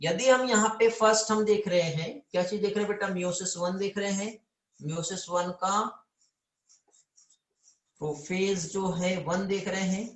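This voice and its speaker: A man's voice: sits high, steady tone, unhurried, echoey room. A man teaching biology in a live online lecture, calling students "beta" and often checking whether they understand.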